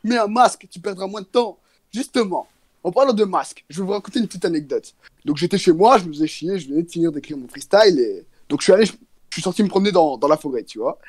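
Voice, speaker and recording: A man's voice: high-pitched, animated, fast, slightly rough, dry recording. Young man rapping a clash. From Belgium. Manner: mocking, storytelling delivery. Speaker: rap battle contestant.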